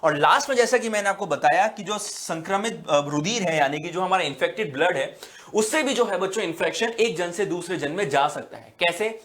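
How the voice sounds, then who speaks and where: Slight background noise accompanies a male biology teacher's exam-prep lecture, delivered in a high, fairly bright voice with lively intonation. He talks patiently and checks often that students follow. His explanations are slow, dotted with repeated "बच्चों" and "है ना", "अ" fillers, and restarted words.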